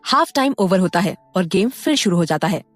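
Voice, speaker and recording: A woman narrating an audio story in an even storytelling manner. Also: on the low side, a little fast, dry recording, faint music behind.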